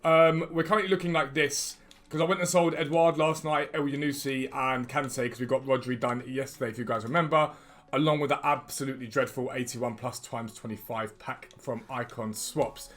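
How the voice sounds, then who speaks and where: This man hosts a relaxed gaming video as a YouTuber, chatting informally and addressing viewers directly. He speaks at a moderate pace in a steady, fairly bright mid-range voice, turning his R's into w sounds because he can't say them properly.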